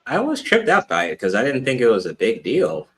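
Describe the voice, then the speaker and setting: A man's voice: mid-range voice, wildly swooping pitch, a little fast. A man hosting a live-stream panel in casual chat, laid-back and full of "um" fillers.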